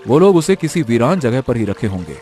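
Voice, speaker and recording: A man's voice: mid-range voice, very animated, fairly quick, warm tone, soft background music, close to an everyday voice. A man voicing a helpful young friend in a cartoon, earnest and advising.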